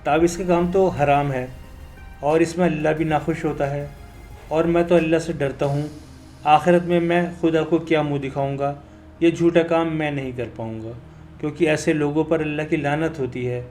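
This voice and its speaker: A man's voice: on the high side, steady tone, normal speed, a little mellow, soft background music, natural voice. A man voicing a devout, earnest mosque imam. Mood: earnest refusal. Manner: earnest, pleading. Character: devout, God-fearing male mosque imam.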